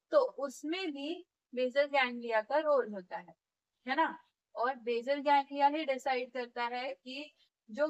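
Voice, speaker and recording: A woman's voice: high voice, lo-fi sound. A woman teaching physiotherapy in a step-by-step classroom lecture, often checking in with her students and demonstrating movements as she explains.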